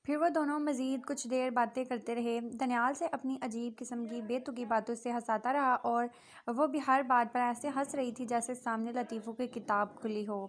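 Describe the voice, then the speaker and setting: A woman reading a romance novel aloud in a steady storytelling manner. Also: fairly high pitch, normal speed. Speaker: novel reader.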